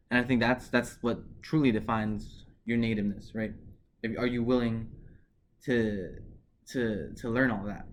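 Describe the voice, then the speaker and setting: A man's voice: mid-range voice, a little hiss or hum. A man vlogging to camera in a casual, earnest way, often adding "right?" and restarting phrases as he thinks.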